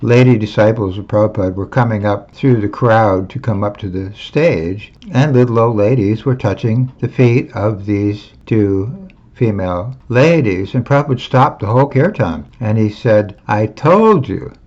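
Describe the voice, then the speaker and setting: A man's voice: lowish voice, normal speed, a little mellow. An older man recounting his own recollections in an emphatic, repetitive way, with wry chuckles. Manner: emphatic, repeats points, chuckles wryly. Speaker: former disciple recounting movement history. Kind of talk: personal monologue of recollections. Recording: dull lo-fi recording.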